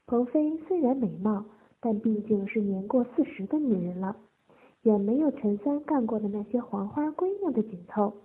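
A woman narrating an adult audio story in a steady reading voice. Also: a little high, normal speed, husky. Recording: tinny phone-like lo-fi audio.

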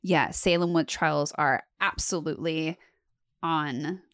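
A woman's voice: low-pitched, slow pace, fairly bright tone, smooth, no echo, clean studio sound. An American woman with a Valley Girl accent chatting casually as a podcast co-host, sprinkling her talk with "like". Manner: Valley Girl way of talking, peppered with "like". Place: small closet, in person.

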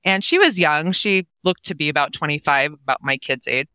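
A woman's voice: sits low, a little fast, bright, forceful tone, smooth, no echo, clean studio sound. A woman in her forties telling a personal story in a casual, emotional way, acting out the voices of the people in it. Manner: emotional, acts out quoted dialogue. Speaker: guest, nonprofit co-founder.

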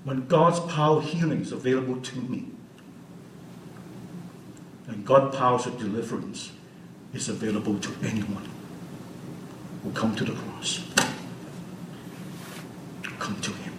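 A sixty-year-old man gives an unscripted church teaching as a guest speaker in a church hall, earnest and often asking the audience questions. His voice is medium-pitched and unhurried, with long pauses, and the roomy hall audio is captured from a distance with background noise.

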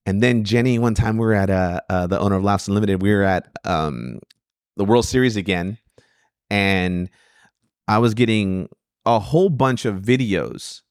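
Comedian guest, male, low voice, lively anecdotes, salty language, dry booth sound. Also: normal speed, no room sound. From Sacramento area. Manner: animated storyteller, acts out quotes, swears freely. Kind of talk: casual podcast storytelling.

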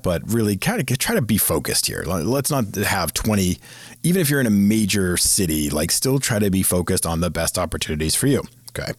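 A man hosting a career advice podcast, talking fast in a casual, chatty way. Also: low voice, no echo, studio quality. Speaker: podcast host.

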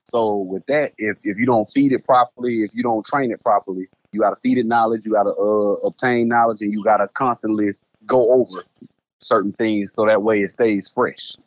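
A man's voice: fairly low pitch, steady tone, a little fast, dry recording. A man talks in a loose, rambling way, often repeating words and laughing at himself. The sound is dry and dull, as if from a lo-fi recording. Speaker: guest. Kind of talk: casual conversation.

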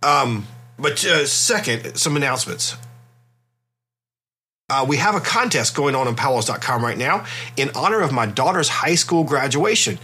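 A middle-aged man hosting a podcast in a relaxed, conversational way, his voice congested and stuffy from a cold. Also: medium pitch, moderate pace, breathy edge. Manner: relaxed, conversational, with fillers and restarts. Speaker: podcast host. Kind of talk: casual podcast talk.

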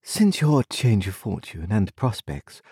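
A man's voice: lowish voice, very animated, takes it slowly, warm tone, breathy edge, dry recording, clean studio sound, full character voice. A man voicing a cold, proud young woman with a disdainful, composed manner in a storybook reading. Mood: haughty.

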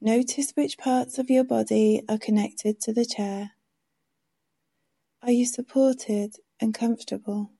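Lady doing guided meditation, really soft n mellow, hushed, takes it slow. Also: on the high side, fairly even intonation, creaky, breathy edge. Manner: soft, soothing, hushed delivery; slow, gentle instructions with pauses.

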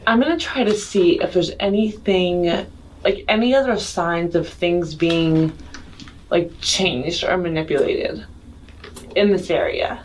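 A woman's voice: on the low side, a little slow, darkish tone, a little hiss or hum, low-quality recording. A woman playing in a tabletop game, eager and chatty as she describes her character's actions. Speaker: player. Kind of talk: tabletop role-play chat.

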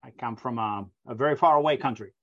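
A middle-aged Argentine software company founder with an Argentine Spanish accent speaks hesitantly in a remote interview, full of ums and uhs. His voice is medium-pitched and he talks fast, though the audio sounds dull.

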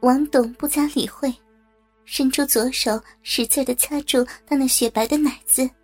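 A woman reading a story aloud as narrator, in a steady, even storytelling manner. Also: high voice, moderate pace, soft background music.

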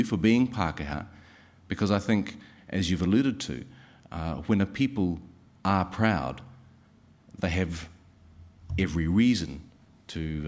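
A man with a New Zealand accent giving an informal speech of thanks, halting and repeating words, with some Māori phrases. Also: deep voice. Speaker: speaker giving closing thanks at a writers' festival.

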